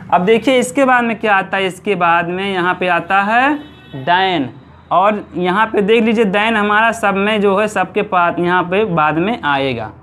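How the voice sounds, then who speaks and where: A man teaching English grammar, asking questions and answering them himself, stretching out example words slowly. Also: sits high, fairly bright tone. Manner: repeats points slowly, drawing out example words. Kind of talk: classroom-style grammar lesson.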